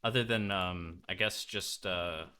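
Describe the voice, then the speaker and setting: Bright-voiced young male streamer. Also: low-pitched, measured pace, clean tone. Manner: loose, joking, talks to chat. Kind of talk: casual game stream chat.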